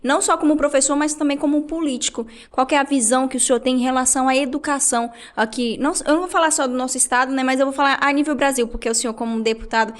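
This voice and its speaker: A woman's voice: high-pitched, steady tone, racing, few pauses. A woman hosting a casual interview, chatting and asking long questions and finishing the guest's sentences. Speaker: interview host.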